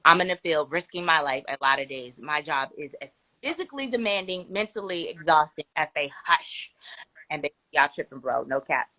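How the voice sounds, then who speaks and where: A woman hosting a casual live stream, reading viewer comments aloud with laughs and quick asides. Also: low-pitched, expressive, pushed and bright, dry recording.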